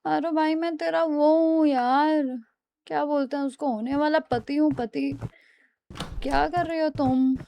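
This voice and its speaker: High-voiced woman narrating a game. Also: fairly even intonation, a little slow, gravelly, muffled recording. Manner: reactive and dramatic, talking to the game character. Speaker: gaming streamer. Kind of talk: let's play commentary.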